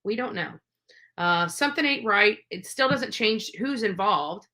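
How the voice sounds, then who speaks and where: Mid-range, expressive, and unhurried, her bright voice carries a forceful tone. She's commenting on true crime cases on a livestream, unscripted and opinionated, emphatic and accusatory, with repeated phrases for force.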